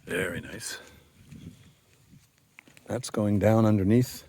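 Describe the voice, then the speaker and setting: A man narrating a casual walking tour of an old fortress outdoors, rambling with many pauses and fillers, recorded on a handheld camera mic. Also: lowish voice, mellow. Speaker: tour guide vlogger.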